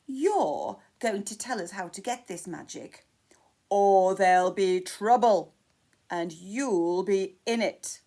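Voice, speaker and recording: A bossy goblin king from a storybook, squealing high and snapping threats at his captive. He sounds petulant and loud, his voice leaping up and down, voiced by a woman reading the tale aloud. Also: huge pitch swings, drawn-out words, few pauses, exaggerated voice.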